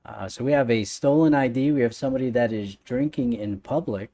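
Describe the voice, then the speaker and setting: Mellow male let's-play gamer, faint noise behind. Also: medium pitch, fairly quick. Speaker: gaming video host. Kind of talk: casual let's-play commentary.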